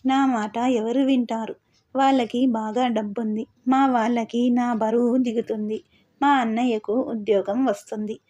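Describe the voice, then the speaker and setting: A woman voicing a sorrowful young girl in a storybook reading, speaking in a resigned, mellow voice. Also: a little high, fairly even intonation, a little slow, muffled recording. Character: tearful young girl facing a forced marriage.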